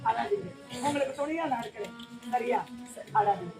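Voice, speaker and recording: A woman's voice: on the high side, lively intonation, a little fast, music in the background. A woman voicing a kindly village mother who soothes a crying stranger in a stage drama. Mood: soothing. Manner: soothing, coaxing. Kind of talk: Tamil stage drama acting.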